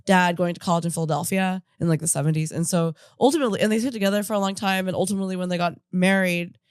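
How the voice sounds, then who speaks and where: Here a comedian in her thirties who grew up in Japan chats casually on a podcast in the studio, firing off stories at a rapid clip, breaking into her own tangents and laughing a lot. Her lowish voice is steady, clear and resonant. The recording is clean studio audio without echo.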